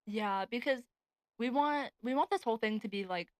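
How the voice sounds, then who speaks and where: A nineteen-year-old woman co-hosting a casual chat podcast, talking loosely with lots of "like" and quick laughs. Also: on the high side, no room sound, poor audio. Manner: chatty, laughs often, lots of "like". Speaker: podcast co-host. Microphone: desk podcast mic.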